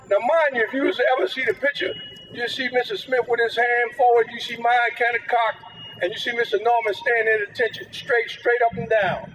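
Older man, high-pitched, emphatic folksy storyteller; distant outdoor mic, light street hum. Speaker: guest speaker. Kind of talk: impassioned storytelling to a crowd. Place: outdoors at a public gathering.

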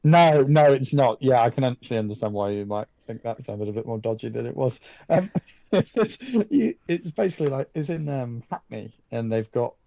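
A man's voice: mid-range voice, animated, moderate pace, creaky, mellow, dry recording, muffled recording. A man with a British accent talking casually as a panelist on a podcast. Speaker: writer, broadcaster, podcast panelist.

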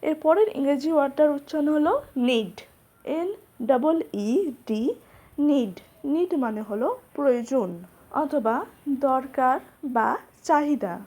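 A woman gives an English vocabulary lesson in a slightly high voice. She spells every word letter by letter and repeats each meaning clearly. Her delivery is slow and steady, like a classroom drill. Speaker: teacher.

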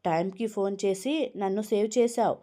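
A woman reading a storybook aloud, voicing a flustered young man who makes hurried, evasive excuses. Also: medium pitch, mellow, close to an everyday voice.

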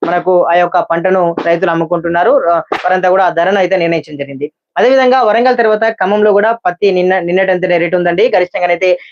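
Fast high-pitched man reporting prices. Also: steady tone. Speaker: market price reporter, channel host. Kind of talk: unscripted market price report. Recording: dull lo-fi sound.

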